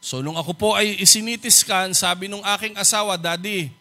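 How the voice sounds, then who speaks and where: A man's voice: high voice, fairly even intonation, fairly quick, sharp tone. A man preaching as a pastor, telling a personal testimony in a polite storytelling manner and acting out the voices of the people in it. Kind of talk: sermon testimony.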